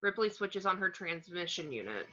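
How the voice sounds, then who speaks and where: Serving as narrator at a table read, a woman voices the screenplay's scene descriptions with a fairly low, sharp-toned voice, very animated and at normal speed. The audio is dull and lo-fi.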